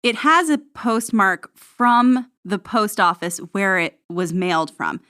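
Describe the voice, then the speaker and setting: A woman co-hosting a casual movie-recap podcast. She swings her pitch up and down as she talks, keeping things playful and quick to laugh. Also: expressive, pushed and bright. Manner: playful, jokey, laughs often. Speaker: podcast co-host.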